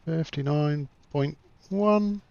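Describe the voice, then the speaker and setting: A man's voice: a little high, slow, darkish tone, no room sound, muffled recording. A man giving casual livestream commentary as he plays a flight simulator, thinking aloud in a chatty, self-deprecating way.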